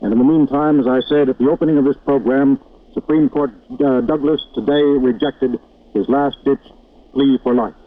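A man reading radio news bulletins in a measured, formal newsreader manner, heard as an old lo-fi radio broadcast. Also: medium pitch, fairly even intonation. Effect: old lo-fi radio broadcast sound. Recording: tinny narrow-band vintage radio broadcast.

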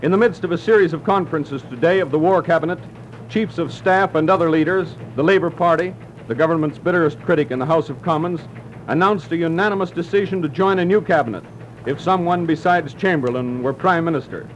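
A male announcer with a slightly raised pitch reads bulletins in a crisp, clipped manner. His voice comes through an old newsreel-style archival broadcast, muffled and dulled. A faint hiss sits under it. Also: fairly quick. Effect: old newsreel-style archival broadcast sound. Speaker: radio news announcer. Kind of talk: formal news bulletin reading. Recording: muffled, hissy old radio recording.

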